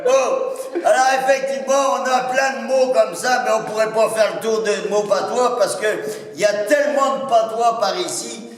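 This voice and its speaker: Man, Norman accent, stand-up comic, folksy and teasing, high voice, distant mic in a big reverberant hall. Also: normal speed. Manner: folksy and teasing, with many interjections and rural slang. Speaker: stage comedian. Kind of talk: live stand-up monologue to an audience. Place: large indoor hall with a live audience. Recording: echoey hall, recorded from far off.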